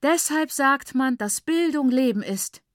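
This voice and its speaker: Woman doing a shrill, admiring mother. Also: expressive, measured pace, no room sound. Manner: loud exclaiming. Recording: dry close recording.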